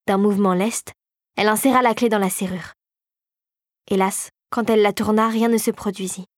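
A woman reading a children's fantasy audiobook aloud in a steady, expressive storytelling manner. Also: mid-range voice, normal speed, no echo, clean studio sound. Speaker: audiobook narrator. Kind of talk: scripted narration.

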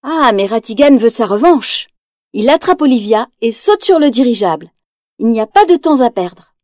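Storybook narrator, woman, lively read, warm mellow timbre. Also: on the high side, normal speed, no echo. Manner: lively, acts out quotes in raised voice.

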